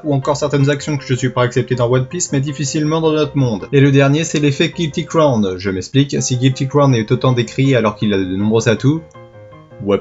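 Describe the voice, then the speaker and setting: A man's voice: medium pitch, darkish tone, dull audio. A man hosting a comedic anime review in a scripted style, with sarcastic asides to himself. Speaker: anime reviewer, channel host.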